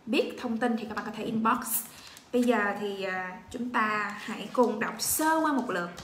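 A woman with a Vietnamese accent teaching English pronunciation on a livestream, repeating each letter slowly for her learners. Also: on the high side, fairly bright tone, echoey room, a little hiss or hum. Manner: slow drilled letter-by-letter repetition.

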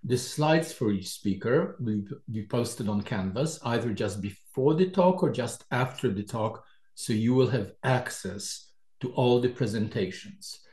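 An older man from Poland, a professor giving a measured university lecture introduction with dry asides, in a large lecture hall. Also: medium pitch, expressive, a little mellow. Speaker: professor co-leading a lecture series.

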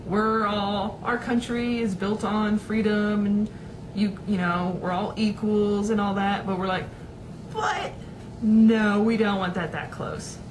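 Speaking slowly in a mid-range voice, this young woman chats to her desk webcam from a small room at home. She's a vlogger who rambles, piling up fillers and restarts, and there's noise in the background.

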